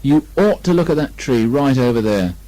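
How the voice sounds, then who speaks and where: A man voicing a brisk, bossy, scheming male rabbit from a children's storybook. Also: mid-range voice, lively intonation, mellow, lightly acted, rough recording. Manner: brisk, prompting, conspiratorial. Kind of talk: children's storybook character reading.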